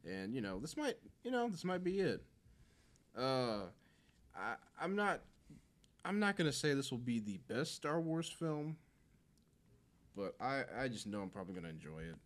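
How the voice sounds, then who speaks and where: A man's voice: medium pitch, big pitch swings, moderate pace, pauses often. A man co-hosting a casual movie podcast, laughing often and talking in loose restarts. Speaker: podcast co-host. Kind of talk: casual chat.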